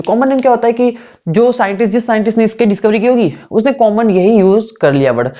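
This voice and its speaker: A man's voice: sits high, a little mellow. A male teacher walks through a lesson, firing a question at his students and then answering it himself. He repeats each key term so it sticks. The recording is dull and lo-fi, with the top end muffled. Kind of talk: classroom lecture.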